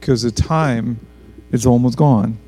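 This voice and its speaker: A man's voice: medium pitch, slow pace, mellow. A man in his forties from the Republic, speaking, preaching a bilingual sermon full of personal stories and speaking straight to the congregation. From Dominican Republic. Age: 40s. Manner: storytelling, addresses congregation directly. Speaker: pastor. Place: church hall. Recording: long church reverb, faint mains hum.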